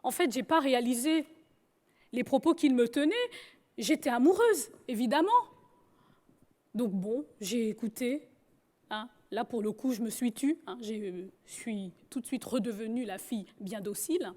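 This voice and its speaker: A woman's voice: on the high side, normal speed, dark tone. A woman from Gabon, telling her life story with humor. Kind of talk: personal storytelling talk.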